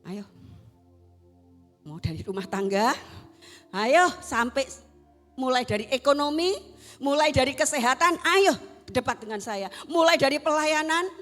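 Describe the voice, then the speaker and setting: A woman with a Javanese accent preaching a sermon, swinging between loud exhortation and hushed asides. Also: sits high, animated, unhurried, long pauses, soft background music. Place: church service.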